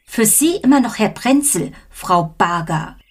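A woman voicing the peevish ghost of a dead man, his voice muffled as if coming up from deep underground. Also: lively intonation, unhurried. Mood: prim. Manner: peevish, complaining. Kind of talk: storybook reading.

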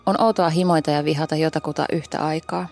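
A woman's voice: low-pitched, steady tone, darkish tone, faint music behind. A woman guest on a podcast, talking in a thoughtful way and searching for words as she reads aloud and reflects. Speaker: guest journalist. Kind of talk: casual podcast chat and reading aloud.

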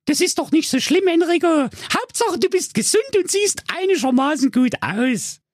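Rapunzel, as a man puts her on, high and cheeky. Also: animated, normal speed, no echo, clean studio sound. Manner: cheeky, mocking. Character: sassy young woman, a fairy-tale princess locked in a tower.

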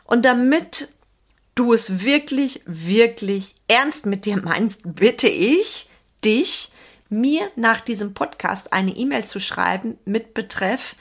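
A woman's voice: on the high side, expressive, slow. A woman hosting her own motivational podcast for business owners, speaking earnestly and repeating key words for emphasis. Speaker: podcast host and business coach.

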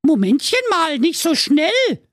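A narrator voicing a dim-witted, frantic young mother with a Berlin accent in a squeaky, shrieking voice. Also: very animated, slow, a bit bright, dry recording, studio quality, heavily acted. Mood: panicked.

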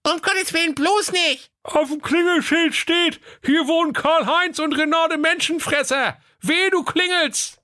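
A man's voice: very high voice, unhurried, pushed and bright, pitched above the performer's own voice, full character voice. A man voicing a group of frightened young children who plead in panic. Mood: panicked.

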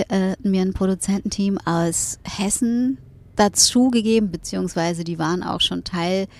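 Low-voiced woman, hesitant and thoughtful. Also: darkish tone, dry recording. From northern Germany. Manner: thoughtful, with many hesitations and fillers. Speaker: interview guest, singer. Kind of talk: reflective conversation.

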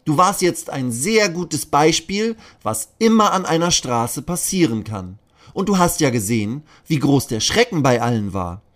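A man's voice: fairly high pitch, sing-song, pitched above the performer's own voice. A man doing a kindly police officer. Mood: reassuring. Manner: slow, warmly reassuring. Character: friendly male police officer. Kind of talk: children's audio story.

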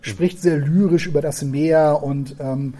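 A man talks casually about a book on a podcast, enthusiastic but halting, with many fillers and restarts. His voice sits a little high, with a mellow, warm tone and a breathy, husky edge. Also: steady tone. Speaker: podcast host presenting a book.

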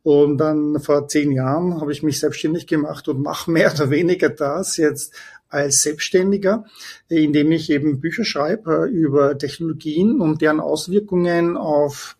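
Middle-aged Austrian man with a Viennese accent, husky tone; calm, explanatory podcast guest. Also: on the high side, moderate pace. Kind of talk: conversational interview.

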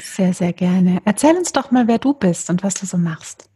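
Podcast host lady, low mellow husky voice, warm and gushing, dry sound. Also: expressive, moderate pace, no room sound. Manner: warm, enthusiastic, effusive. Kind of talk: podcast interview.

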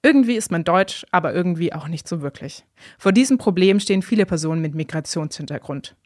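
A woman hosting a podcast, reading scripted narration in a calm, even way. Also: lowish voice, fast, dry recording, clean studio sound. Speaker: podcast host.

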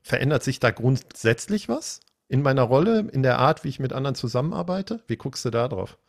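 A man's voice: medium pitch, expressive, a little fast, creaky. A man hosting a podcast interview, talking in long reflective sentences. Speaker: podcast host.

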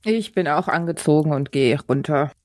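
Female tabletop player, slightly low pitch, casual role-play, dry sound. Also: moderate pace, a little mellow, dry recording.

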